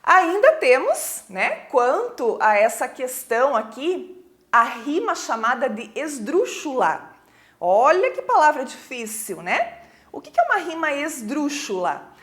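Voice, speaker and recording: A woman's voice: high-pitched, a bit bright. A Brazilian woman teaching a recorded school lesson, explaining patiently, checking in with the class and reading poems aloud. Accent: Brazilian Portuguese. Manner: reads poems aloud slowly.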